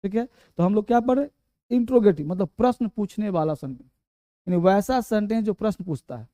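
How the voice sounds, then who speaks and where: Guy teaching english grammar, high pitched but mellow, slow and repetitive, dry sound. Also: lively intonation, no room sound. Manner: slow, repeats key words, quizzes students. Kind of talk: classroom grammar lesson.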